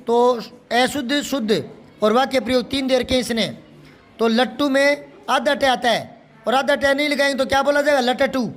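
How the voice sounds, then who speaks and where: High-pitched male Hindi teacher. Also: fairly bright tone. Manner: patient, repeats corrections, asks students questions. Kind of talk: classroom lesson explaining a workbook.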